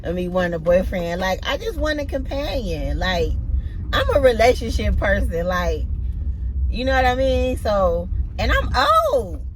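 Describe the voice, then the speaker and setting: A woman in her forties vents in a relaxed, candid vlog, her talk studded with "like" and "you know". She records on her phone in a parked car at night. A faint hum of the car sits under her mid-pitched voice. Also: measured pace. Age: 40s. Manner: candid and chatty, full of "like" and "you know what I mean". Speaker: vlogger. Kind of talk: casual chat.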